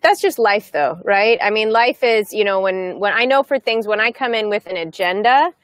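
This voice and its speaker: A woman co-hosting a podcast, reflecting in a relaxed way with loose phrasing and many fillers. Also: mid-range voice, normal speed, dry recording, studio quality. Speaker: podcast co-host. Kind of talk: casual reflective chat.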